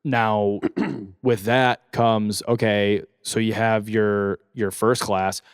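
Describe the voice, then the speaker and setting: Casting: easygoing male wrestler guest, lowish voice, dry close sound. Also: level tone, slow pace, clean tone, dry recording. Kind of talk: casual chat.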